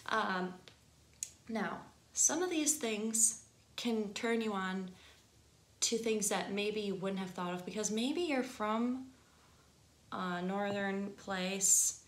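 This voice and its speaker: In an echoey room with slight background noise, a woman from the northern U.S. teaches singing casually to camera, her mid-range, nasal voice moving slowly with frequent pauses. She has an Upper Midwest accent and laughs easily.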